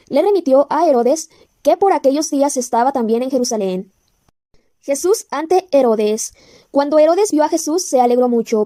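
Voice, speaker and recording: A woman narrating a Bible audiobook in a measured, solemn way, slowing down for each section heading. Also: high-pitched, mellow, dry recording, studio quality. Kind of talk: scripted audiobook scripture reading.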